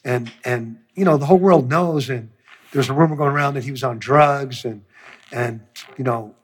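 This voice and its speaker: A man's voice: mid-range voice, moderate pace, husky. A man, a music producer, telling a long story in an interview, swearing freely and acting out what people said. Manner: profane, animated storyteller who acts out quotes.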